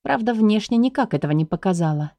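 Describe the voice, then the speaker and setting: A woman calmly narrating a story in the first person. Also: mid-range voice, fast, no room sound. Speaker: audiobook narrator.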